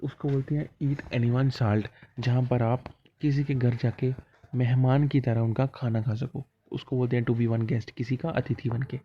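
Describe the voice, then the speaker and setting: A man teaches idioms to exam candidates, talking in a loose, chatty way. He asks questions and answers them himself, and sometimes acts out short dialogues. His pitch sits in the middle range, and a faint hiss and a few clicks run behind him. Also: flat delivery, normal speed, highs cut off. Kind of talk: casual classroom explanation of idioms.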